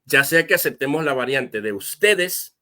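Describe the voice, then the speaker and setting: A pastor explaining a Bible question as an interview guest, earnest and step by step, with frequent fillers and restarts. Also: male voice, mid-range voice, lively intonation, moderate pace, pushed and bright. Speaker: guest answering viewer questions.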